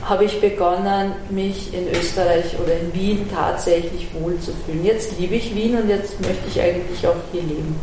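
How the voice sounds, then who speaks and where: Speaking at a moderate pace with fairly even intonation and hardly any pauses, a middle-aged woman from Iran who was raised in Vienna gives a conversational interview as an artist and activist. Her voice is on the low side, her sentences long, frank and reflective, with roomy echo and faint ambient noise behind her.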